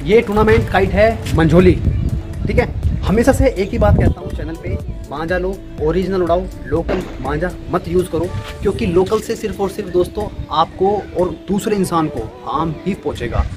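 Music runs behind this young adult man as he calls a kite match live from an open rooftop at a moderate pace. His voice is high, and his casual, chatty demo-style talk keeps returning to "friends" and "okay?".

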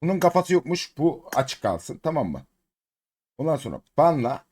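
With a husky, somewhat high voice at a moderate pace, this Turkish man offers laid-back commentary as he opens crates in a mobile game. He's excitable, repeats words in a chant, and coaxes his cat.

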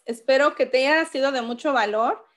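A woman closes out a casual chat as co-host. Her voice is high, and she thanks listeners warmly and affectionately. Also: normal speed. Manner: warm, affectionate sign-off. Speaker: co-host of an essential oils channel. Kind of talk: casual chat, closing remarks.

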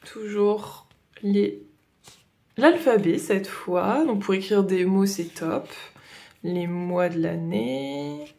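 A woman's voice: medium pitch, expressive, takes it slowly, gravelly, a little mellow. A young adult woman with a Northern French Ch'ti accent chatting casually through a haul, hesitant and full of fillers and "voilà". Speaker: coloring vlogger.

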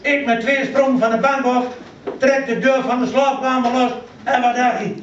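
A man's voice: very high-pitched, fairly even intonation, moderate pace, a little hiss or hum. A man with an Overijssel Dutch accent doing a carnival stand-up monologue, telling jokes as a first-person story and acting out each line of dialogue. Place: large hall with a live audience. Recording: echoey hall from far off, dull, audience laughter.

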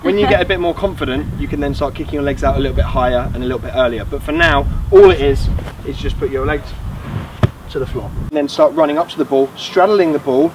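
Speaking fast in a fairly high voice, a thirtysomething host and acrobatics coach gives an emphatic, encouraging how-to lesson. The setting is a grassy field outside, where outdoor noise and traffic ambience can be heard.

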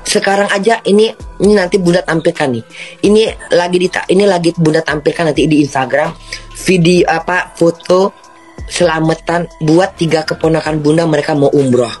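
A woman hosting a livestream who talks loudly and indignantly, rambling with many restarts. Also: deep voice, steady tone, a little fast, soft background music. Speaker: livestream host. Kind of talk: livestream rant.

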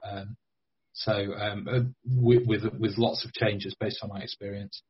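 A man's voice: on the low side, flat delivery, measured pace, husky. A man, a game creator talking as a podcast guest, hesitant with many ums and restarts, on dull lo-fi remote audio. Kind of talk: casual interview chat.

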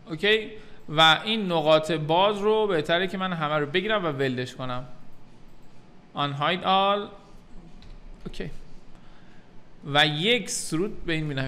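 A man narrating a 3D modeling tutorial, calmly explaining each step to his viewers. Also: fairly high pitch. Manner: calm step-by-step explaining, addresses viewers as kids.

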